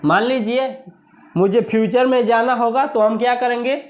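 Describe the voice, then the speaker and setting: A man with an Indian accent teaching a maths lesson for exam preparation, repeating key words slowly and asking the class questions. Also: very high-pitched. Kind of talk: exam-prep video lesson.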